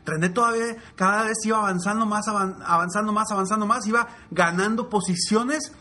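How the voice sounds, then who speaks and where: Lively man telling a motivational fable. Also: brisk. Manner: lively, repetitive, drops low and soft for the lesson. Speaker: motivational storyteller. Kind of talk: motivational storytelling.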